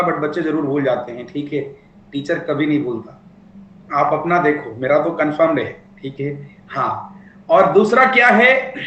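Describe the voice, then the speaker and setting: High-voiced man teaching a lively class. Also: roomy sound, muffled recording, slight background noise. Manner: playful, teasing, dictates points slowly. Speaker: law teacher. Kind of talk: classroom lecture.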